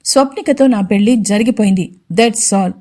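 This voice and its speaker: A woman's voice: medium pitch, moderate pace, dark tone, lightly acted. A stern young CEO husband, voiced by a woman speaks in firm, clipped orders. He is protective and short of patience in this audio storybook. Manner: firm, curt, commanding.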